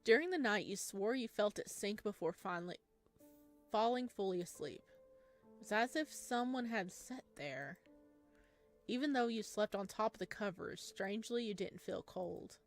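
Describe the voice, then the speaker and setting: Speaking at normal speed in an animated, mid-range voice, a woman gamer reads a visual novel aloud over music. Between the narration, she tosses in giggly, informal comments as she plays through.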